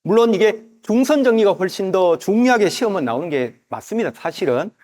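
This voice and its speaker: A man teaching a math lesson at a whiteboard, who talks to the parts of the figure as "you" and reads formulas slowly and repeats each step aloud. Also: high voice, expressive, darkish tone. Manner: drawn-out, slow reading of formulas.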